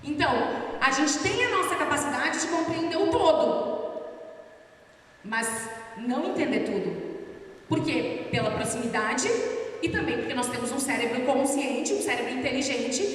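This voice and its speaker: A woman giving a lively, informal workshop talk as a Spanish teacher, chatting with the audience. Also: high-pitched, a little hiss or hum. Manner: animated, informal, addresses audience as "meus amores". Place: large hall, recorded from a distance. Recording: echoey hall, distant mic.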